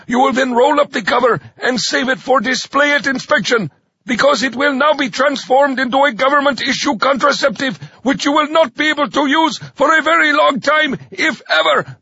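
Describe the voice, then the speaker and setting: A man voicing a fat, gleefully cruel male drill sergeant with a rasping voice who barks and growls orders in a dull lo-fi recording. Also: very high voice, sharp tone, no room sound, voice pushed up, exaggerated voice.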